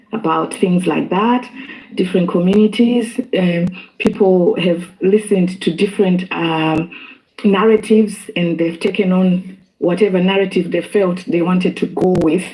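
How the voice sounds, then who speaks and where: A woman from Zimbabwe talks through her views as a guest in a discussion. She sounds thoughtful, with a dark, mellow voice, and she pauses and restarts often. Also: lowish voice, fairly even intonation, low-quality recording. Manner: thoughtful, hesitant with many fillers and restarts. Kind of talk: casual discussion.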